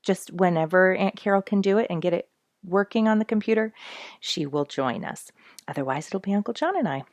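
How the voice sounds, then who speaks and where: A woman hosts a children's story reading, narrating aloud and breaking into chatty, friendly asides aimed at young listeners. Her medium-pitched voice is animated and a little fast, and the recording is dry.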